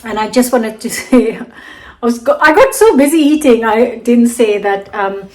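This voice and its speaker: A woman's voice: fairly high pitch, expressive, moderate pace. A woman hosting a home cooking video, chatting casually and gushing over the food in her kitchen. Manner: gushing, enthusiastic about food. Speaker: cooking show host. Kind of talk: casual cooking chat to camera.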